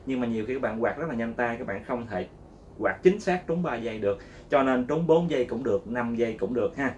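A man's voice: medium pitch, lively intonation, brisk, muffled recording. A man teaching a casual guitar lesson, patiently repeating steps and calling out each strum with sound words. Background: guitar playing.

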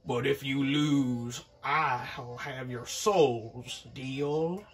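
A man voicing a sleazy male devil who owns a casino, speaking slowly, loudly and with menace. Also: medium pitch. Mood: menacing.

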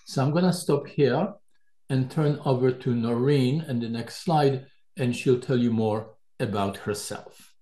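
An older man from Poland, a professor giving a measured university lecture introduction with dry asides, in a large lecture hall. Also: mid-range voice, mellow. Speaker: professor co-leading a lecture series.

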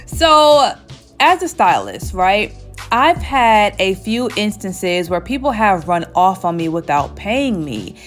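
A chatty woman in her 30s who owns a salon tells a story while getting a wig installed, laughing often in an animated way and speaking slowly in a mid-range voice. She sits facing a camera at chest height inside her small hair salon, with faint music in the background.

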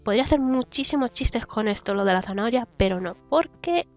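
A woman's voice: a little high, expressive, a little fast, lo-fi sound, faint music behind. A young woman giving casual, giggly commentary while playing a video game, humming to herself, her throat a little sore. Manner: chatty, giggly, hums and sings to herself. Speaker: gaming YouTuber.

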